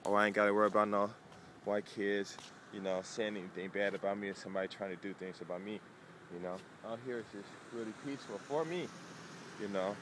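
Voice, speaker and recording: A man's voice: lowish voice, steady tone, brisk, background noise. A man, vlogging in a casual, rambling way with many fillers. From United States. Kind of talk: casual talk to camera.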